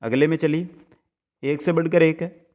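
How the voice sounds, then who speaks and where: Male exam tutor, high voice, slow measured delivery, chants lines then explains them casually. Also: fairly even intonation, a little mellow. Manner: chants each verse slowly, then explains it in quick asides; addresses students as friends, asks checking questions. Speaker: teacher. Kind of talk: exam-prep lesson.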